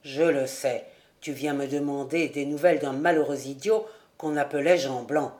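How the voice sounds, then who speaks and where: A woman voicing a mysterious, calm male charcoal burner in an audiobook, speaking slowly and gravely. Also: lightly acted. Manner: slow, grave and low. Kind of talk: audiobook character voice.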